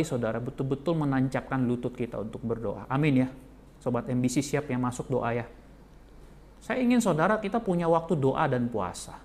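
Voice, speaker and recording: A male pastor preaching to his church, swinging from loud emphatic bursts to soft asides, telling jokey stories and calling out to the congregation. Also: medium pitch. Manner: jokey storytelling with chuckles, often calls out to the congregation. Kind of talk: sermon.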